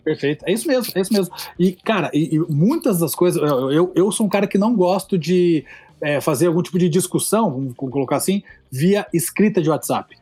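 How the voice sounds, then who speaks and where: A man's voice: high-pitched, expressive, a little fast, warm tone, husky, no echo. A man with a Brazilian accent, a Portuguese teacher, chatting and explaining language points with playful examples. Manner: explanatory, playful, many fillers. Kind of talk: casual podcast chat.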